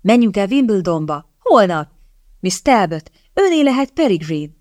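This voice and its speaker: A woman reading the part of an eager young gentleman in an audiobook, his lines bursting with excitement. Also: mid-range voice, no echo, studio quality, lightly acted. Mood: excited. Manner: breathless, enthusiastic exclamations.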